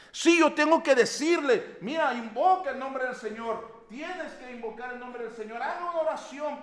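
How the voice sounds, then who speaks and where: A man with a Mexican accent preaching a sermon as pastor, swinging from loud, emphatic exhortation to quiet storytelling. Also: very high-pitched, roomy sound. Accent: Mexican Spanish. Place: church sanctuary.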